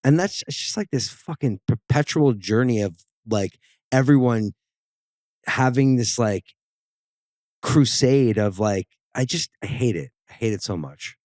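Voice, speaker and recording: A man's voice: mid-range voice, expressive, unhurried, darkish tone, no echo, clean studio sound. A man hosting a podcast in casual chat, blunt and swearing, often trailing off with fillers. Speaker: podcast host.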